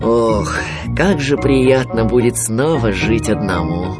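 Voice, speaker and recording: Man reading as a slow, sighing storybook bear cub, mopey and drawn out. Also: medium pitch, lively intonation, loud music behind the voice, natural voice. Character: gloomy slow-talking young male bear.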